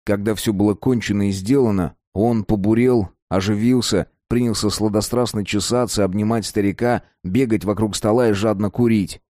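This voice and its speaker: A man's voice: fairly low pitch, normal speed, few pauses, no room sound, clean studio sound. A man narrating a novel and voicing all its characters. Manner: expressive reading, voices all characters. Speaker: audiobook narrator. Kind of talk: scripted narration.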